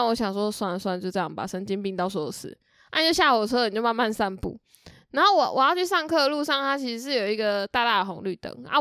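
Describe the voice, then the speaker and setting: A young Taiwanese woman rattles through a story at high speed in a fairly high voice. She is animated and repeats words as she goes. The sound is dry and close. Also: dry recording. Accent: Taiwanese Mandarin. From Tainan, Taiwan. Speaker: podcast co-host. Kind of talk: casual storytelling chat.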